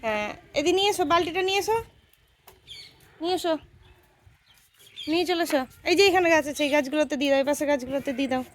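High-pitched mom vlogging on her rooftop, chatty, bossing the kid around gently, faint birds outside. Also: fast, long pauses, slight background noise. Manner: chatty, talks straight to viewers and gives her child steady instructions. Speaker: vlogger and mother. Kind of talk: casual daily-life vlog. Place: rooftop outdoors.

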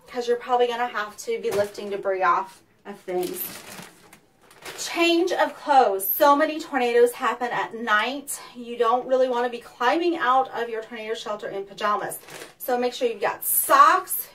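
A high-voiced woman talks through a chatty, practical demonstration from inside a small underground shelter. Her voice has a hollow, cave-like echo and sits a little back from the microphone. A faint hiss lies underneath. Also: normal speed, fairly bright tone. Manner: practical, instructive, chatty with fillers. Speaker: safety presenter for a weather company. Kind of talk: casual how-to demonstration. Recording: distant mic, cave echo, faint noise.

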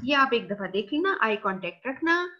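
Lively woman lecturer, lo-fi recording. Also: on the high side, moderate pace. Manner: explanatory, lively, asks rhetorical questions.

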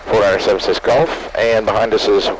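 A man's voice: on the low side, flat delivery, moderate pace. A man, a private pilot, explaining things casually to viewers over a small plane's headset intercom. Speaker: private pilot and video host. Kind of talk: casual cockpit chat and radio calls. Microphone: aviation headset. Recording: headset intercom with engine noise.

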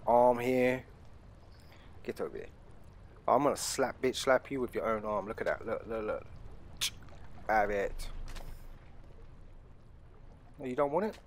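At a normal speed broken by long pauses, a British man with a mid-range voice comments casually on a horror game. He swears, uses slang, and jokingly threatens his viewers, while faint game ambience and a little hiss or hum run underneath.

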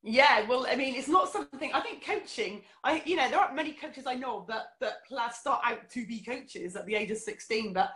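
A woman's voice: fairly high pitch, expressive, fairly quick, hardly any pauses, a bit bright. A middle-aged woman from England, candidly telling her life story as an interview guest, with many fillers. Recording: roomy echo.

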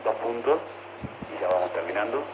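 Over a long-distance radio link, a man with an Argentine Spanish accent formally reads out a message slowly for dictation. He has a fairly low voice with lively intonation and a brisk delivery, and there's background noise.

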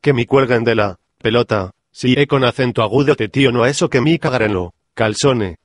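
A man's voice: mid-range voice, a little fast, dry recording, lightly acted. A man voicing a loyal, nervous male hobbit servant in an audiobook parody, with garbled rustic speech. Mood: bumbling.

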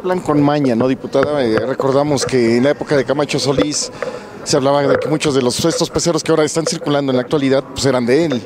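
A man's voice: medium pitch, steady tone, quick pace, noisy background. A male reporter asking a legislator pointed, skeptical questions in a press interview. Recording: crowd chatter behind.

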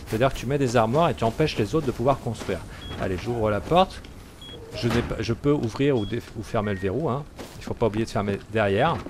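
A man's voice: mid-range voice, a little hiss or hum. A man giving casual gameplay commentary as a gaming YouTuber, talking in a chatty, hesitant way full of fillers.

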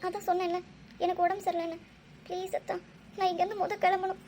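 A woman's voice: extremely high pitch, flat delivery, quick pace, dark tone, slight background noise. A woman voicing a tearful young woman in a cartoon who keeps pleading to go home. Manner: pleading, crying.

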